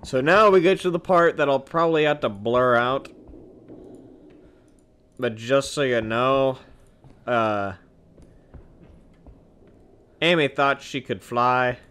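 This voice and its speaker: A man's voice: medium pitch, slow pace, pauses often, fairly bright tone, clear, resonant tone. A young man casually commenting on a game as its host, joking and self-deprecating. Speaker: gamer host. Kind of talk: casual let's-play commentary.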